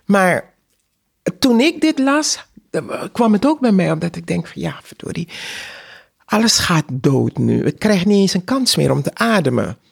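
A woman guest on a podcast, talking about a book in an animated way and laughing often. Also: on the low side, moderate pace, gravelly, breathy edge. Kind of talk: casual book discussion.

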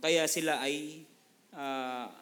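A man's voice: on the high side, fairly even intonation, drawn-out words, a bit bright. A middle-aged man from the Philippines preaching a Bible sermon in a conversational way, often checking in with "no?" and slipping into English phrases. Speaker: pastor.

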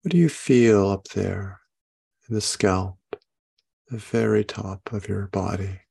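A man leading a guided meditation, giving gentle, unhurried instructions and soft questions. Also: lowish voice, gravelly, breathy edge. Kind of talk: guided meditation, body scan.

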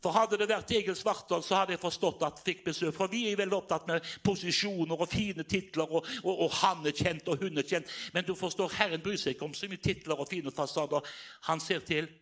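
A man's voice: high voice, fairly even intonation, fairly bright tone. A man preaching a sermon in a meeting hall, telling stories and rising into fervent exclamations. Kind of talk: sermon storytelling.

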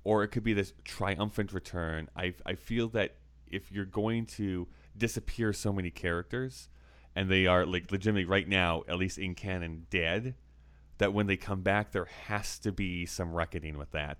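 A man's voice: low voice, fairly even intonation, normal speed, a bit bright. A man in a casual movie discussion, talking earnestly and analytically, often using "like" as a filler. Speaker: podcast co-host.

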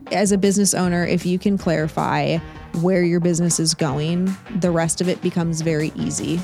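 A middle-aged woman, a business author, explaining her methods as a podcast guest in a confident, brisk, practical way. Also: fairly low pitch, darkish tone. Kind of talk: casual interview talk.

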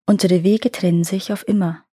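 A woman voicing a gentle fairy mother bidding her daughters farewell, tender and mournful in a storybook tale. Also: lowish voice, steady tone, normal speed, slightly rough, no room sound, studio quality.

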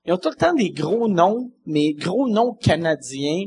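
A man's voice: high voice, measured pace, slight background noise. A man from Quebec with a Québécois accent, hosting a casual podcast chat and telling rambling stories. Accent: Québécois French. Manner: animated, rambling storyteller. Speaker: podcast host.

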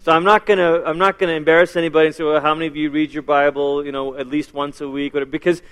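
A man's voice: on the high side, little pitch movement, rapid-fire, fairly bright tone, smooth, in a large hall. A man in his thirties from Malaysia, giving a chatty church teaching as guest speaker and joking with the audience. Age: 30s.

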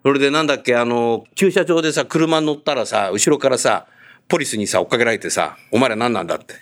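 With a medium-pitched, brisk delivery, a man hosts an interview on location; he's chatty and casual, an animated storyteller who keeps nodding along to his guest.

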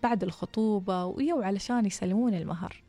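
A woman with a Gulf Arabic accent narrating a true-life story, reading it aloud with a calm, even delivery. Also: medium pitch, fast talker. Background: soft background music.

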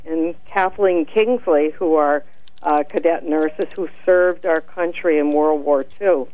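A woman calling in on a speakerphone over a phone line, explaining earnestly and pausing on fillers. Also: deep voice, darkish tone. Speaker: caller, director of a nurses' group. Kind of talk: radio call-in.

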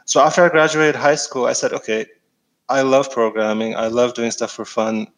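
A middle-aged man from Egypt, a guest in a casual interview, talking in a relaxed way with many fillers and restarts. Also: mid-range voice, normal speed, rough recording.

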